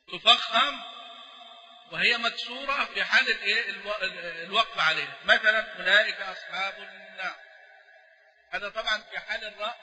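A male Quran recitation teacher giving a classroom lecture on a poem, often prompting his students with quick questions. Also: sits high, sharp tone. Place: mosque recitation hall. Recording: echoey hall reverb.

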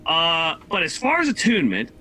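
Bright-voiced hesitant man co-host. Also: a little high, wildly swooping pitch, normal speed, poor audio. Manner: thoughtful, hesitant, lots of fillers. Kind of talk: casual livestream chat.

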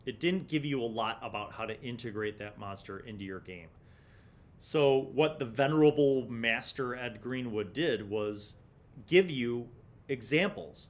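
The host of a tabletop gaming review series, a man in his forties with a medium-pitched voice, offers casual, conversational explanations. Between comments he reads passages from a magazine aloud. It's recorded in a small indoor home studio through a large desktop condenser microphone.

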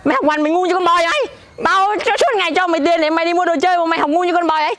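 A young man playing a quick-tempered mother in debt from gambling, who scolds her son shrilly and stammers when flustered. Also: very high voice, a bit bright, a little hiss or hum, voice pushed up. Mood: scolding. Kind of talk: comedy skit acting.

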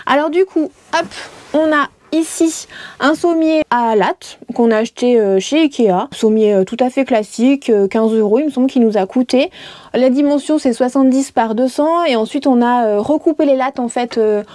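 A woman's voice: high-pitched, normal speed, mellow, no echo, studio quality. A woman in her thirties hosting a casual video tour of a small wood-lined van, chatty and joking, with many hesitations. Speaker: vlog host. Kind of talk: casual show-and-tell.

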